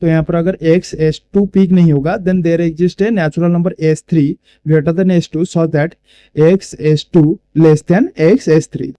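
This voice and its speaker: Bright-voiced man explaining math. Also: a little high. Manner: slow, step-by-step explaining, mixing Hindi and English. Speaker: math teacher. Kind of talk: blackboard-style math lecture.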